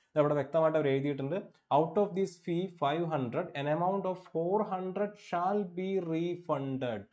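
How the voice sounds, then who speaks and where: A man's voice: a little high, a little mellow. A man giving an exam-prep lesson, asking questions and answering them himself. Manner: asks and answers his own questions, repeats key points. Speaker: exam coaching teacher. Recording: dull lo-fi audio.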